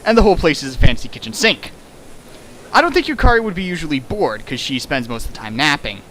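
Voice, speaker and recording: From his home streaming setup, a man reads fan fiction aloud and riffs on it with sarcastic, exasperated jabs, slipping into mock voices. His slightly high, somewhat bright voice is very animated and quick, on a low-quality recording with a little hiss or hum.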